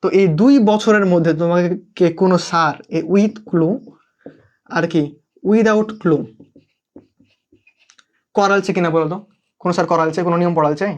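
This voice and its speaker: A man's voice: high voice, moderate pace, pauses often. A young man with a Bangladeshi Bengali accent teaching a live online English class, checking in with students again and again. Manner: checks in constantly, asks students to comment. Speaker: English tutor.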